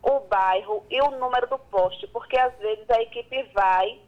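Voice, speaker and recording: A woman's voice: a little high, unhurried. A woman calling in to a radio show over a phone line that keeps cutting out, speaking affectionately to the host. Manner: affectionate, calls the host dear. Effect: breaking-up phone line. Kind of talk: call-in phone chat. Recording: muffled cutting-out phone call.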